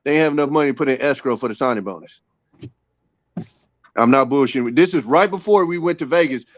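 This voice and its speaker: A man's voice: mid-range voice, fast talker, dry recording, lo-fi sound. A man in his forties, a co-host in a casual sports chat, rowdy and profane, telling stories. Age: 40s.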